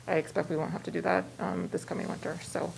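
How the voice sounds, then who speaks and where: A woman's voice: on the low side, little pitch movement, fast talker, vocal fry, darkish tone. An American woman speaking through a face mask, slightly muffled, answering questions as a staff member at a public meeting. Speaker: library staff presenting a budget. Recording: muffled by mask, faint room noise.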